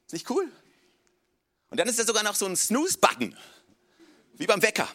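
High, bright-voiced male pastor preaching. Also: fairly quick. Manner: casual, animated storytelling sprinkled with English "come on". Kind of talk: sermon.

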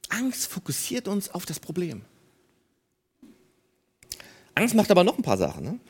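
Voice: medium pitch, huge pitch swings, measured pace, a little mellow, husky. A preacher giving an emphatic sermon, addressing the congregation directly and repeating key phrases for weight.

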